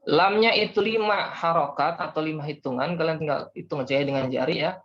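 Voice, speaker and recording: A man's voice: on the high side, a little fast, fairly bright tone. A young man teaching a class, patiently explaining step by step and calling on students. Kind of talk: online class lesson. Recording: dull lo-fi audio.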